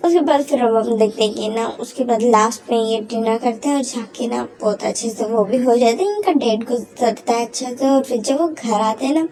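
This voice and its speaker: A woman's voice: a little high, brisk, few pauses, a crowd in the background, low-quality recording. A woman casually retelling a story, filling her talk with fillers and briefly voicing each quoted line. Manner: frequent fillers, voices quoted lines briefly. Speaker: story narrator. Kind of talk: casual storytelling of fan fiction.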